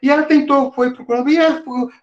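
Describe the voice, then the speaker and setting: A man's voice: very high voice, steady tone, fast, lo-fi sound. A man giving a casual university lecture, retelling a myth in slangy, filler-filled speech. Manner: colloquial, slangy storytelling with many fillers and laughs. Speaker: psychology lecturer.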